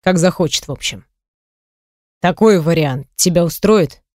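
A woman reading an audiobook voices a stern, proud middle-aged man, gruff and curt. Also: fairly low pitch, a little slow, a little mellow, dry recording, studio quality, natural voice. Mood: weary.

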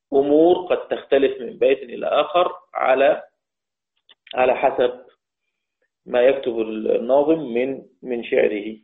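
Egyptian man teaching slowly, tinny echo. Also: medium pitch. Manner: slow, repetitive teaching with rhetorical questions. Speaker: teacher of Quranic recitation. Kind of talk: recorded lesson. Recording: tinny, echoey lo-fi recording.

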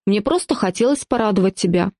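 A woman's voice: mid-range voice, lively intonation, fast, dark tone, dry recording, clean studio sound, natural voice. A woman voicing a young man, a teasing husband in an audiobook, with a playful manner.

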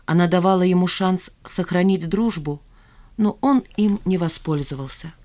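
A woman reading a novel aloud as an audiobook in steady, measured narration. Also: fairly low pitch. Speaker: audiobook reader. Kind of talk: scripted narration.

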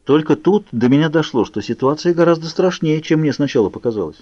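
A male audiobook reader tells the story in a steady, even voice. His tone is dark and mellow, and the recording sounds dry and dull. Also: a little high, fairly quick, dry recording. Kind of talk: scripted novel narration. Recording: muffled lo-fi recording.

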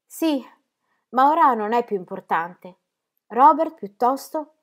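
A woman's voice: on the high side, lively intonation, takes it slowly, a bit bright, pitched above the performer's own voice, full character voice. A woman voicing a docile, anxious young pastor's wife in an audiobook, asking worried questions.

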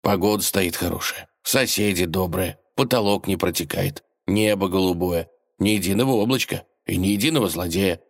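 A man reading an audiobook, voicing a young princess who is bored, dreamy and headstrong, in a high, excitable, sing-song voice. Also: normal speed, dry recording, clean studio sound. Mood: sulky. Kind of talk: audiobook character voice.

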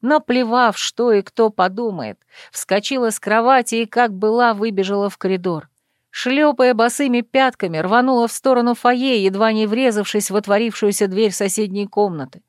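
A woman narrating a first-person romance audiobook in an intimate, measured reading. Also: fairly high pitch, no echo, studio quality.

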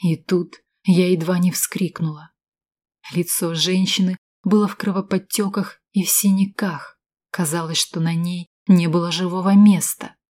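Low-voiced woman narrating a tense story. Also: fairly even intonation, measured pace, darkish tone.

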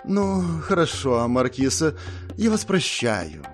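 A man's voice: medium pitch, huge pitch swings, slow pace, faint music behind. A man voicing a capricious young princess who sulks and makes dramatic outbursts. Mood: sweetly dramatic.

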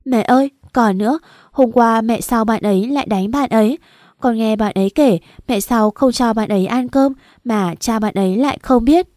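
A woman's voice: fairly high pitch, normal speed, a little mellow, no echo, clean studio sound, natural voice. A woman voicing a small boy who cries and begs his mother not to die, sobbing as he speaks. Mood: crying. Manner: sobbing, begging.

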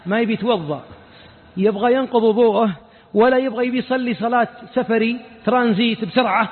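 A man with a Saudi accent giving a colloquial mosque lesson as a sheikh, firing rhetorical questions at his listeners and acting out the people he quotes. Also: extremely high pitch. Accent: Saudi Arabic. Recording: lo-fi phone-like audio with long reverb.

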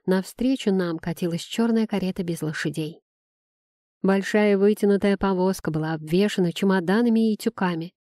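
A woman narrating a first-person fantasy audiobook in a measured, expressive storytelling manner. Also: mid-range voice, no room sound, studio quality.

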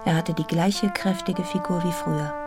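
In a studio-produced German radio play with music, an actress voices a devoted, independent young Englishwoman narrating her own story. Her lowish, natural voice keeps fairly even intonation at a normal speed, and the narration is somber, delivered with composed, literary earnestness.

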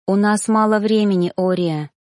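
A woman voicing a calm, kind young female reaper who speaks gently and reassuringly. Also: mid-range voice, normal speed, no echo, close to an everyday voice. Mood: gentle, firm.

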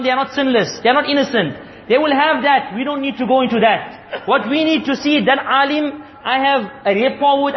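A man preaching a sermon, earnest and emphatic, repeating his points and quoting Arabic. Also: extremely high pitch. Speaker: Islamic preacher. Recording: echoey hall, dull lo-fi sound, faint hiss.

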